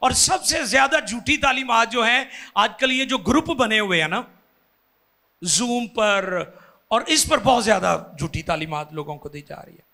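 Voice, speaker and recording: This sermon comes from a passionate pastor in his forties, holding a mic as he preaches from a church stage. He sounds animated and a little slow, his bright, high, slightly gravelly voice swelling into loud bursts of fervor.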